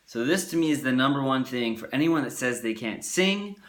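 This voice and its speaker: A man's voice: medium pitch, animated, a little fast, a bit bright, echoey room. A man giving a casual singing lesson on camera. He talks loosely, swears, and acts out timid and confident voices to make his point. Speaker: singing teacher. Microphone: camera mic he handles.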